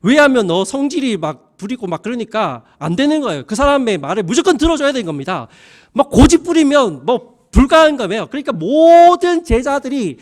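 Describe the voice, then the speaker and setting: A male pastor preaching a sermon in a colloquial style, peppering the congregation with rhetorical questions. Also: high-pitched.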